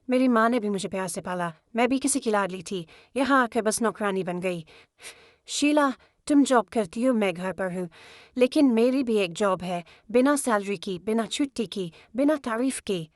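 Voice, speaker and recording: A woman's voice: fairly high pitch, no echo, clean studio sound. A woman voicing a weary housewife finally speaking up. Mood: hurt. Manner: pleading, emotional, earnest. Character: tired long-suffering housewife, finally speaking up. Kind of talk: animated storytelling.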